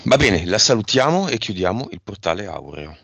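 A man leading an esoteric hypnosis session, asking brisk, directive questions. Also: lowish voice, big pitch swings, vocal fry, a bit bright, no echo. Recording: dull lo-fi sound.

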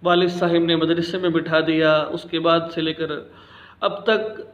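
A man in his thirties teaching the alphabet for Quran reading, speaking patiently and plainly and drawing out each letter slowly so listeners can repeat it. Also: a little high, little pitch movement, reverberant, lo-fi sound. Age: 30s. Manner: slow, drawn-out letter pronunciations for repetition. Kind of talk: recorded alphabet lesson for parents.

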